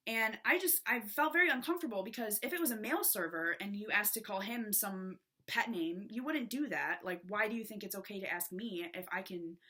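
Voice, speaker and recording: Bright-voiced young woman, candid storytelling. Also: mid-range voice. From Illinois. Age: 20s. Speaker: college student interviewee. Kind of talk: personal testimony.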